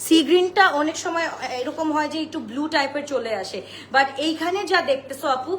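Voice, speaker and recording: Chatty high-voiced woman selling clothes live. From Bangladesh. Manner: chatty, mixes English into Bengali, repeats sizes in a sing-song list. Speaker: online clothing seller. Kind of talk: live-stream sales pitch. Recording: echoey room with faint noise.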